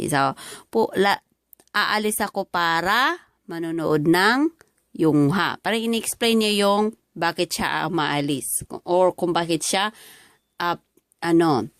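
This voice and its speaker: A woman's voice: fairly low pitch, dry recording, clean studio sound. A woman with a Filipino accent teaching a lesson word by word, with many fillers. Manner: mixes languages, explains word by word with many fillers. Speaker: language teacher. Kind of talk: classroom-style lesson explaining dialogue.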